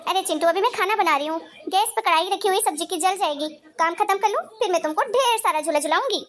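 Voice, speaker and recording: A woman's voice: very high voice, quick pace, a bit bright. A woman voicing a hard-working young wife in a cartoon story, earnest and indignant as she defends herself. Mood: patient. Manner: earnest, indignant, pleading her case.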